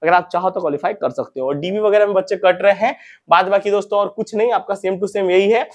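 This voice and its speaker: A man's voice: sits high, quick pace. A young man hosting an informal advice talk, chatty, repeating points and calling viewers friends and brothers. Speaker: recruitment info channel host.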